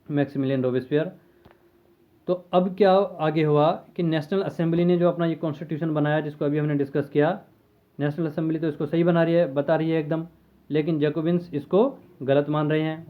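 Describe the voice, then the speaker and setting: Man teaching history over tinny lo-fi audio. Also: fairly high pitch. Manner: conversational, asks and answers his own questions. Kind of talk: explaining a history lesson.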